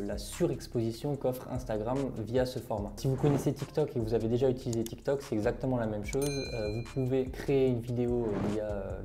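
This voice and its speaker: A man's voice: medium pitch, mellow. A young French man, an online marketing creator, talks through a step-by-step tutorial, full of fillers and rhetorical questions. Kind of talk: screen-share tutorial talk.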